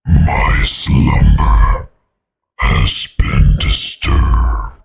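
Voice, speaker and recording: A game master voicing an ancient entity with a thunderous, booming voice, low, breathy and drawn out. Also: very slow. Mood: ominous.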